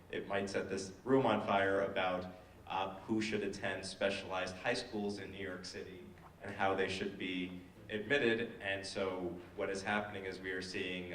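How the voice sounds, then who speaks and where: Low-voiced guy on a panel, lots of uhs and restarts, echoey hall, sounds far from the mic, faint noise. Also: a bit bright. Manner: hesitant, many fillers and restarts. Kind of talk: panel discussion.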